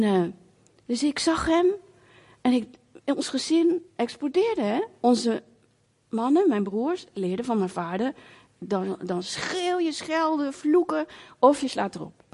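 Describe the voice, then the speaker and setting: A woman giving a sermon as a lively personal story, with many fillers, acting out voices and sounds in a conversational way. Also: sits high. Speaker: preacher.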